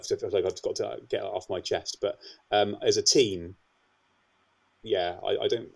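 A man on a football podcast panel, talking in an exasperated, halting way with many restarts. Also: lowish voice, creaky. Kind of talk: casual football podcast chat.

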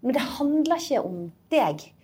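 A woman's voice: high-pitched, very animated, mellow, slightly rough. A woman co-hosting a podcast, giving earnest, encouraging advice in a casual chat. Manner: earnest and encouraging, explains firmly. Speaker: podcast co-host.

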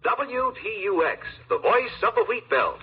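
A bright, high radio pitchman. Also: very animated, unhurried, faint music behind. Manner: upbeat pitchman, gets stuck repeating. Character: male radio station announcer. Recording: lo-fi old radio broadcast recording.

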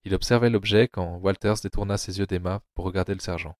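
A man narrating an audio drama adaptation of a novel in a low, steady storytelling voice. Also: quick pace, dry recording, clean studio sound.

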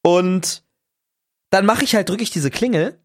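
A young man co-hosting a podcast, telling a story in casual chat, animated and swearing freely. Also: sits high, measured pace. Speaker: podcast co-host.

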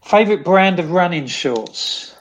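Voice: mid-range voice, expressive, unhurried, poor audio. Offhand co-host with a mid-range voice. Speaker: podcast co-host. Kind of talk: casual chat, asking quick-fire questions.

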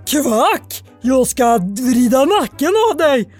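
A woman voicing a nasty male duck spirit trapped in a bottle, with a harsh quacking voice and loud threats. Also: sits high, lively intonation, faint music behind, voice pushed up. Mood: menacing. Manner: shouting, threatening.

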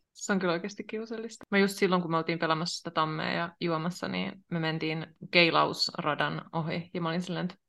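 A young woman co-hosting a podcast, chatting casually in a lively way and laughing often. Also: fairly low pitch, creaky. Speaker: podcast co-host. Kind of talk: casual chat.

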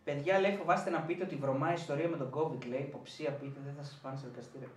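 A man's voice: on the high side, steady tone, slight background noise. A man co-hosting a casual football chat show, reading out viewer comments through a faulty microphone. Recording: roomy, distant from the mic.

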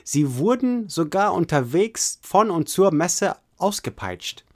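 A man's voice: sits high, very animated, takes it slowly. Man narrating history to "you". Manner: earnest storytelling, addresses listener as you. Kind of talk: second-person history narration.

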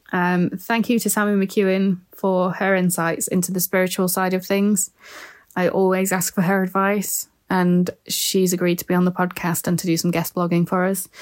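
A woman podcast host with a mixed Mancunian and Yorkshire accent, talking in a chatty, informal way. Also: on the low side. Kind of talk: casual podcast chat.

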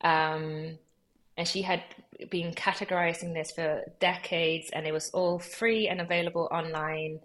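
A woman in her thirties, born in Peru and raised in Los Angeles and London, talking as a guest in a relaxed interview, chatty with lots of fillers and easy laughs. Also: lowish voice, measured pace. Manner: chatty, many fillers and likes, laughs easily. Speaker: guest curator.

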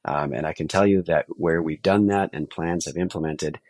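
A man answering as a podcast guest, explaining in a measured, informal way. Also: rumbling low, darkish tone, no echo. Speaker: podcast guest, estate lawyer.

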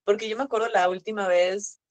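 A woman's voice: medium pitch, fairly even intonation, fairly quick. A woman with a Mexican accent, a sex educator talking as a podcast guest, telling stories casually with lots of slang and fillers. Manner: chatty storytelling full of slang and fillers. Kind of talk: casual chat.

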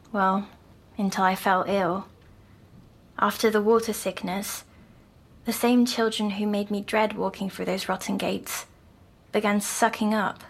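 A woman, softly recounting a dream as a patient in an audio drama. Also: medium pitch, vocal fry, slightly rough, full character voice, rough recording. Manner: soft, slow, dreamy recounting.

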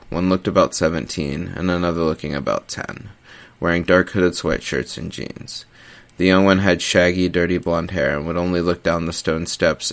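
A man narrating a horror story in a measured, tense storytelling manner. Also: a bass voice, vocal fry.

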